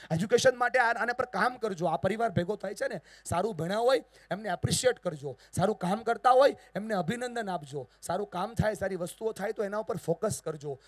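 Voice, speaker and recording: A man with a Surat Gujarati accent delivers a motivational speech to a large family gathering in a high, bright voice. He works the room with call-and-response, dropping to a near hush and then bursting out loud. The sound is dry and close to the mic. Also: dry recording. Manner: theatrical, call-and-response with the audience, big swings in loudness. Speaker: motivational speaker. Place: large hall with a live audience.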